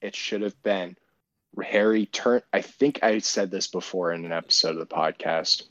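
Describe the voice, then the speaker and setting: A man with a fairly low voice co-hosts a casual podcast, spinning a long, profane story full of false starts. The audio is dry and a little dull, with a lo-fi edge. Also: normal speed, a bit bright, no echo. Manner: profane, rambling retelling with many restarts. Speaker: podcast co-host.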